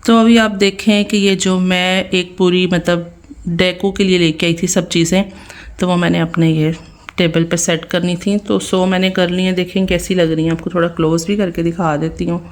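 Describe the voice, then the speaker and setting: A woman from Pakistan with a Pakistani Punjabi accent, hoarse and tired, chatting to viewers in a home vlog voice-over. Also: on the low side, level tone, normal speed. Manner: chatty, addresses viewers directly, asks their opinion. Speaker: vlogger.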